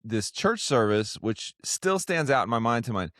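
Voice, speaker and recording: A man's voice: medium pitch, sing-song, normal speed, fairly bright tone, no room sound, clean studio sound. A man hosting a casual chat with an old friend, joking and teasing as he talks. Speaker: podcast host.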